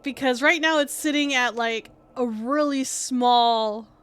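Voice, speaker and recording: Her voice is high, soft and small, and she takes her time, sounding smooth as she chats during a casual game stream. The woman VTuber rambles, fills every phrase with "like", swears offhandedly, and speaks into a desk mic placed very close to her face at home.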